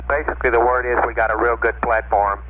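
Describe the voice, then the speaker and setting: A male mission-control communicator speaks quickly in matter-of-fact procedural radio talk, his mid-range voice steady. The archival space radio link is narrow-band and noisy, with loud static throughout.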